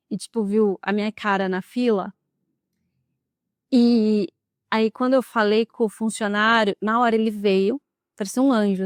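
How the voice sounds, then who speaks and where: A young female vlogger retells a personal story to camera with drama and emotion, bringing quoted speech vividly to life. Her voice is on the high side, captured in a dry, studio-quality recording.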